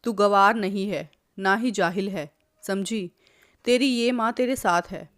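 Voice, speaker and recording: Woman voicing a scolding older mother-in-law, protective and sharp-tongued, mid-pitched storybook voice. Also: measured pace, lightly acted. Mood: firm. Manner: scolding, lecturing.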